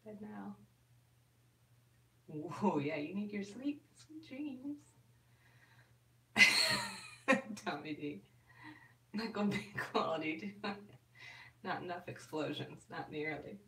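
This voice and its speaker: A woman hosts a casual live stream, answering viewers' comments in a chatty, easygoing way full of little fillers. Her voice sits a little low. She sounds set back from the microphone in a roomy, echoing space. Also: expressive, slow, vocal fry, pauses often, pushed and bright. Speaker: ASMR YouTuber answering live chat. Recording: roomy and distant from the mic.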